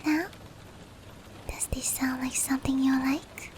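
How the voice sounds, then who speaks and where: In an ASMR roleplay, a woman plays a gentle female demon who comforts and protects. Her high, whispered voice barely rises or falls, and her slow, breathy, soothing delivery is flat yet tender and reassuring, with rain and slight background noise behind it.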